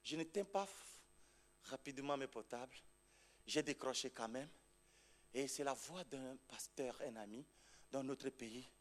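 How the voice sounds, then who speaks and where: A man preaching as a pastor in a church on a microphone, shouting exhortations and dropping to a low storytelling voice, laughing as he tells his story. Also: unhurried, long pauses. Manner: laughs while telling the story. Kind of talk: charismatic preaching with testimony. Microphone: handheld or stand mic.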